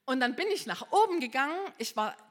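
A middle-aged woman from East Germany telling a personal testimony to an audience, impulsive and animated, swinging from hushed to loud. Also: high voice, brisk, long reverb tail. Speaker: speaker giving a personal testimony.

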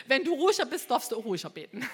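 A middle-aged woman from East Germany telling a personal testimony to an audience, impulsive and animated, swinging from hushed to loud. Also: high voice, big-room sound, slight background noise. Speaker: speaker giving a personal testimony.

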